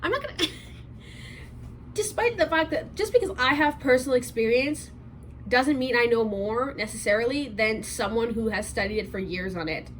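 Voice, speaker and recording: Woman, 20, commentary YouTuber, sarcastic and rambling, slightly high voice. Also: lively intonation, a little hiss or hum, low-quality recording. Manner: sarcastic, rapid rambling with restarts. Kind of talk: commentary vlog.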